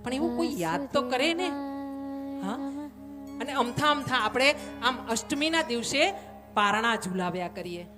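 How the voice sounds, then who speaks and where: A woman from Gujarat delivers a devotional story sermon in a fairly high voice. She is dramatic and keeps turning to her listeners with quick questions. Loud devotional music plays under her voice throughout. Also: expressive. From Gujarat, India. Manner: dramatic, rises to impassioned peaks, frequent questioning "હા?" to the audience. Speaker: katha preacher.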